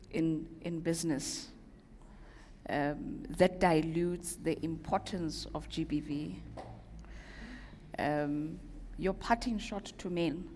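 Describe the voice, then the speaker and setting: A South African woman moderating a public discussion, deliberate and pausing between phrases. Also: on the low side, a little mellow. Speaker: panel moderator. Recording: echoey hall with faint noise.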